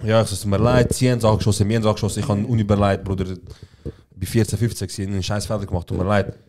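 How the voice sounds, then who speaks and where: A man's voice: on the low side, level tone, rapid-fire, background noise. A young man, telling a story in casual, slangy chat and rambling along.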